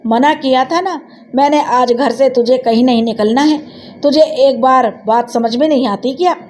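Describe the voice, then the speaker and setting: A woman's voice: high voice, normal speed, darkish tone, lightly acted. A woman voicing a strict, watchful old grandmother who talks in a scolding way.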